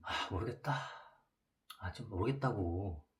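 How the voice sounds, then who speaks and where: A man's voice: on the low side, expressive, measured pace. A man acting out a hot-tempered teenage bully. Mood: sulky. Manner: gruff, demanding, blunt.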